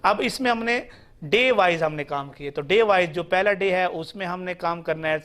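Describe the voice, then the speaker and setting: A man's voice: high voice, a bit bright. A man teaching an online math class, talking students through the lesson plan and restating his points.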